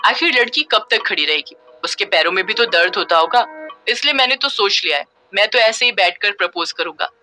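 A woman's voice: medium pitch, expressive, brisk, sharp tone, soft background music. Woman playing a teasing young man.

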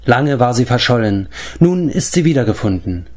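A man voicing a wise old male bard in a storybook reading, speaking in a measured, reflective way. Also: mid-range voice, very animated, a little mellow.

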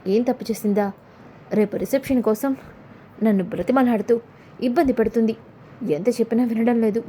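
A woman's voice: fairly high pitch, steady tone, fairly quick, mellow, slight background noise, natural voice. A woman voicing a stubborn young wife and mother in a retold serial, speaking in a defiant, scolding way.

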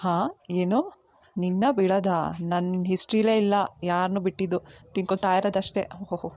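A woman's voice: medium pitch, little pitch movement, brisk, darkish tone, dry recording, studio quality, natural voice. A woman voicing a gloating male ghost king who cackles and talks menacingly about eating people, in a cartoon. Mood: gloating menace. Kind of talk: cartoon voice acting.

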